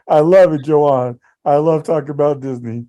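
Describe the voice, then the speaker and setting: A man co-hosting a podcast, chatting in a relaxed, rambling way. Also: on the high side, normal speed, lo-fi sound. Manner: laid-back, rambling, laughs easily. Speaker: podcast co-host. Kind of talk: casual chat.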